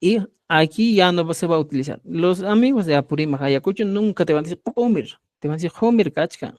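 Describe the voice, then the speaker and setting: A man's voice: a little high, fast talker, a little mellow, dry recording. A man with a Peruvian accent teaching a live online Quechua class, explaining patiently and checking understanding with "ya".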